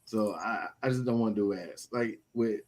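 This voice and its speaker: A man's voice: on the low side, normal speed, darkish tone, poor audio. A man co-hosting a casual wrestling review show, often restarting and repeating words as he talks. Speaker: podcast co-host.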